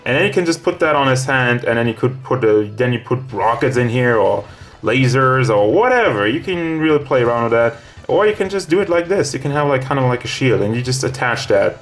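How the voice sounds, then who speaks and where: A man's voice: medium pitch, animated, brisk. Rambling casual male toy reviewer. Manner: rambling, casual, self-correcting. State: hot, sweaty and out of breath.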